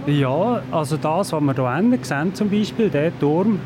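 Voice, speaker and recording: A man's voice: on the high side, animated, moderate pace. A man, a bakery worker giving a tour and explaining things in a plain, friendly way. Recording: loud machine hum behind.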